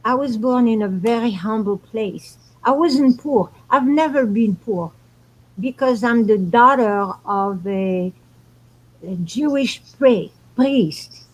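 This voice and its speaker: Woman from Morocco, higher voice, slow earnest astrology host. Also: low-quality recording. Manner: earnest, unhurried spiritual explaining. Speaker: show host. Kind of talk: casual astrology talk.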